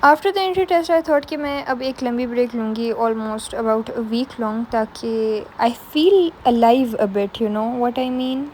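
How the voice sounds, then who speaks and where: A woman's voice: a little high, slow, few pauses, a little mellow, a little hiss or hum, rough recording. A young woman from Pakistan, a student, chatting through a casual vlog voice-over and switching between Urdu and English mid-sentence. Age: young adult. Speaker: student vlogger.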